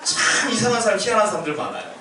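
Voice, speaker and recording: A man's voice: high-pitched, sing-song, very fast, sharp tone, slight background noise. A male pastor giving a sermon in a conversational, storytelling manner, recorded in a church sanctuary. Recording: echoey church hall from far off.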